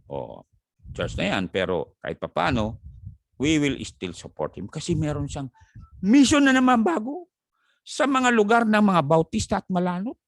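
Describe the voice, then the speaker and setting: A male pastor with a Filipino accent preaching a lively sermon, joking and speaking directly to viewers by name. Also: dry recording, clean studio sound. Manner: animated, jumps high in pitch to stress points; jokes and talks straight to viewers by name.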